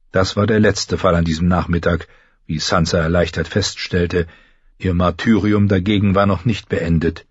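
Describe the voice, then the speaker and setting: Male audiobook narrator, low husky voice, measured read; dry, dull-sounding recording. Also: no room sound. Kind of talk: scripted narration.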